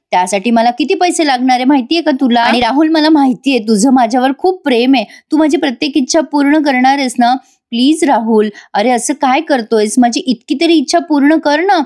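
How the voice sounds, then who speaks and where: A woman's voice: high voice, fairly quick, darkish tone, natural voice. A woman voicing a spoiled, scheming young wife who wheedles and pleads to get her way. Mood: wheedling.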